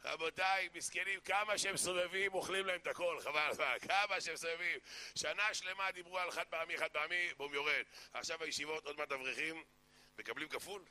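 A man giving a sermon that mixes jokes with Torah teaching, telling stories in an animated way and acting out the characters. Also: a little high. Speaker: preacher.

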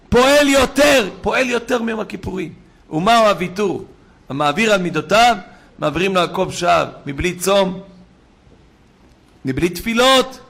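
Fiery high-voiced preacher, gravelly. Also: male voice. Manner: fiery, swings from shouting to hushed storytelling. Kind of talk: sermon.

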